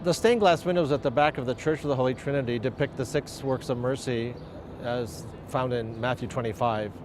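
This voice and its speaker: A church minister speaks in a measured, reflective and slightly formal way in a middle pitch. He was recorded outdoors in the city, with clear street and traffic noise around him. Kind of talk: explanatory interview.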